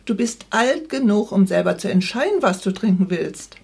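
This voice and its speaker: A woman reading aloud as an irritable, sharp-tongued middle-aged wife who snaps sarcastically. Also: mid-range voice, animated, normal speed, creaky, breathy edge, exaggerated voice. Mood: irritated. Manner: snappy, sarcastic read dialogue.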